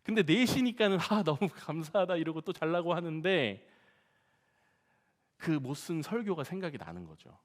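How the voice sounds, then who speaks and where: A man preaching a sermon as pastor, telling humorous stories in a lively way and often addressing the congregation directly. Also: on the high side, moderate pace, long pauses. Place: church sanctuary. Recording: long church hall reverb.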